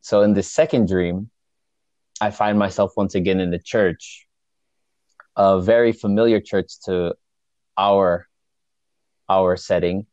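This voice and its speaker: Male guest with a low voice telling a story, stopping and restarting often, on a dry, muffled recording. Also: fairly even intonation, darkish tone, dry recording. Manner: halting, frequent restarts and chuckles. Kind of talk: casual spoken storytelling.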